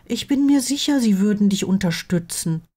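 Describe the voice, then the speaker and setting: A woman reading aloud gives an earnest blond teenage wizard boy who keeps pleading with his friend, pitched well up and lively. The tone stays mellow and warm, with a soft storybook delivery. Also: moderate pace, lightly acted. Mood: urging. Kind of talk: audiobook reading of fan fiction.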